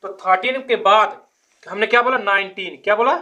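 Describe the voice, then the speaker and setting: A woman's voice: mid-range voice, bright, forceful tone, dull audio. Patient woman teaching kids to count. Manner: patient, repeats quiz questions for a child to answer; counts numbers aloud slowly. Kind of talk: children's counting lesson.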